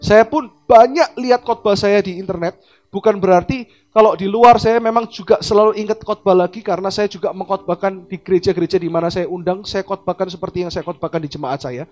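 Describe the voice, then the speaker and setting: Animated high-voiced pastor preaching. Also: male voice, brisk. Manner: animated, acts out quoted dialogue with big pitch swings. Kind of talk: sermon.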